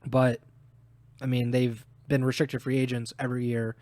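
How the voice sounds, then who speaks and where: A man's voice: mid-range voice, flat delivery, moderate pace, darkish tone, no echo. A man co-hosting a podcast, giving blunt opinions on esports while losing his voice. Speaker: podcast co-host. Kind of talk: casual esports analysis chat.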